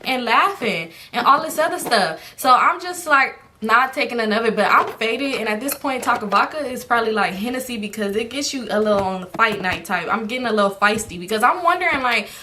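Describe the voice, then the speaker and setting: Young woman doing a storytime, lively and cussing a lot, crisp bright voice, bit of faint noise behind. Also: fairly high pitch, a little fast, few pauses. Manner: animated, profane, chatty, addresses listeners as y'all. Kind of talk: casual storytime.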